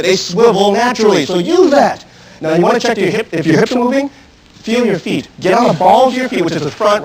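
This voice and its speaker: A man with a high voice runs a self-defense class. He coaches each move plainly and step by step, then breaks into loud, commanding drill shouts. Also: low-quality recording. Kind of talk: live class instruction. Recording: archive 1990s instructional video.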